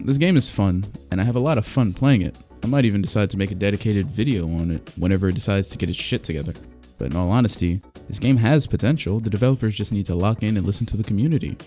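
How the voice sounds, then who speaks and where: Low, mellow-voiced man giving blunt game critique. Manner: blunt, critical, casual slang with swearing. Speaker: video game reviewer. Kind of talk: opinionated video review commentary. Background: music behind the voice.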